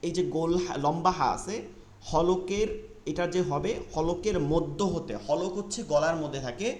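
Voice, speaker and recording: A man's voice: fairly high pitch, moderate pace, a little mellow. Patient male Quran teacher, echoey room. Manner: patient, repeats letter sounds many times for learners to copy. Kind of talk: online class lesson.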